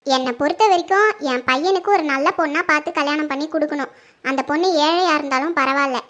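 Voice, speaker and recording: A performer in a home-made family skit, playing a kind, wealthy middle-aged mother who talks calmly to her neighbor. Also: high voice, fast talker. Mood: gracious, calm. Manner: calm, gracious and reassuring.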